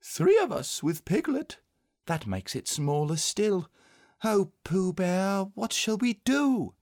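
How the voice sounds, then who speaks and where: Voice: medium pitch, very animated, slow, a little mellow, pitched above the performer's own voice. A reader playing an eager, tender-hearted young boy in a children's storybook, earnest and exclamatory. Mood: puzzled.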